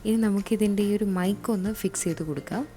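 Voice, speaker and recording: Speaking fast with a warm, medium-pitched voice, a woman with a Malayali accent walks viewers through installing a product in a hands-on demo. Her chatty explanation mixes in English terms, and music plays clearly underneath.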